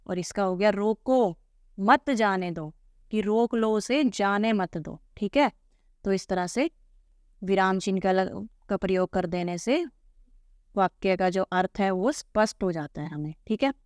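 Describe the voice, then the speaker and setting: Patient woman teaching Hindi, clear voice. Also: medium pitch, darkish tone, no echo, studio quality. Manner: patient, repeats "ठीक है" often. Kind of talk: explaining textbook answers.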